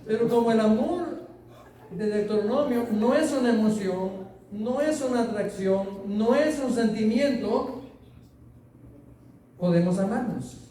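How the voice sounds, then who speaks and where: A man's voice: high-pitched, unhurried, mellow, distant mic. A man preaching a sermon to a congregation, speaking conversationally with stories and questions, in a church hall. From Latin America. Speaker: pastor. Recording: very echoey room, voice from off-mic, faint hiss.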